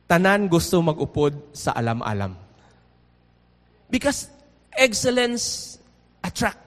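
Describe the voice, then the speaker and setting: Man, Filipino accent, sermon, dramatic storyteller, slow delivery, long hall reverb. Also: high voice. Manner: dramatic storytelling with swings from loud to hushed. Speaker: preacher.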